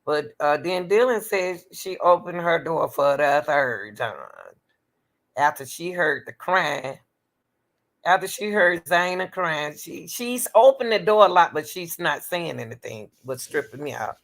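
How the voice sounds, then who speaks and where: Reading case details aloud, a woman keeps interrupting herself to challenge the material and speak straight to her viewers in her casual true-crime commentary. Her voice is on the low side and a little slow, yet animated, full of exclamations and questions.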